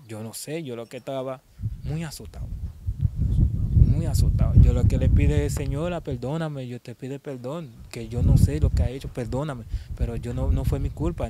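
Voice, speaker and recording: Halting young man telling his story. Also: medium pitch, warm tone, a little hiss or hum. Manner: halting, repeats words and restarts often. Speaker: interviewee. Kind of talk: personal storytelling in an interview.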